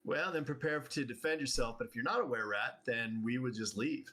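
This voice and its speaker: A man's voice: medium pitch, fairly quick, noisy background. A man playing a tabletop role-playing game, negotiating casually in character.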